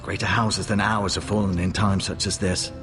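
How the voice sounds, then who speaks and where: A grave old maester from a video game, voiced by a man, speaking low and measured like a healer giving counsel. His tone stays solemn and advising. Game music plays clearly behind him. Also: little pitch movement, close to an everyday voice. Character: grave older male castle maester, healer.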